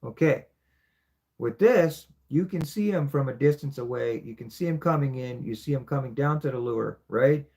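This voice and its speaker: A man's voice: medium pitch, moderate pace, gravelly, a little mellow. A middle-aged man, casually explaining his fishing gear and rambling on, often tagging lines with "right?". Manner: chatty, rambling, keeps asking "right?". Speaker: fishing channel host. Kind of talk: casual show-and-tell explanation.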